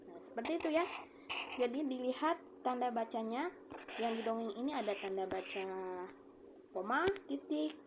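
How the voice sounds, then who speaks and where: A woman's voice: on the high side, background noise. A woman teacher patiently explaining to children how to read a story aloud, often checking that they understand. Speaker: primary school teacher. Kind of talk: reading-aloud lesson for children.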